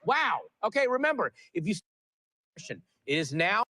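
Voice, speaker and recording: A man's voice: high-pitched, sing-song, normal speed, bright, forceful tone, no echo, studio quality. A man hosting a television quiz show, reading questions and teasing contestants playfully. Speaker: game show host.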